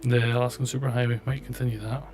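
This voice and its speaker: A man's voice: medium pitch, flat delivery, quick pace. A man live-streaming a flight simulator with casual commentary, muttering to himself in a dry, sweary, self-deprecating way. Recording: game stream with clear background music. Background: music.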